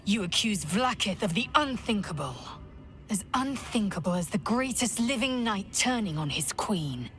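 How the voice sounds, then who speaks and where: A woman's voice: mid-range voice, lively intonation, moderate pace, a bit bright, faint music behind, close to an everyday voice. An actress playing a proud, severe alien warrior woman in a video game, speaking with indignant, betrayed anguish. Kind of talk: dramatic video game acting.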